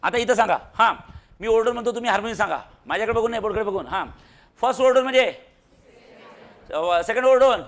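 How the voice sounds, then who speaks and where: A man's voice: high-pitched, fast, long pauses. A man teaching a physics class in a classroom, quizzing and teasing his students with jokes. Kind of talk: classroom lecture.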